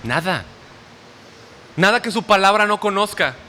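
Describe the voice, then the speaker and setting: A man's voice: sits high, lively intonation, a little slow, bright, forceful tone. A man preaching a sermon to a congregation, often asking them short questions as he goes. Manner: asks the audience questions often. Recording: hall reverb with faint noise.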